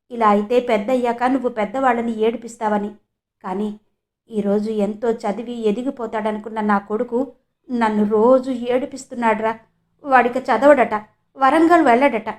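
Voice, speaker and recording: A woman's voice: fairly high pitch, close to an everyday voice. A woman voicing a middle-aged village mother who speaks in a sorrowful, beseeching way in an audiobook.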